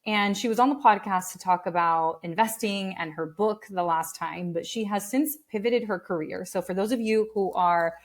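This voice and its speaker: A woman's voice: medium pitch, normal speed, hardly any pauses. A woman hosting a podcast, reading an introduction in an upbeat, emphatic way. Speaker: podcast host and coach.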